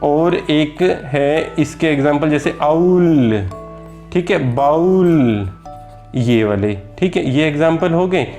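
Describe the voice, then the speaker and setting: A man's voice: fairly high pitch, slow, a little mellow, soft background music. A man with an Indian accent teaching a lesson, patiently repeating each example word and addressing his viewers as children. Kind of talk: slow explanatory lesson.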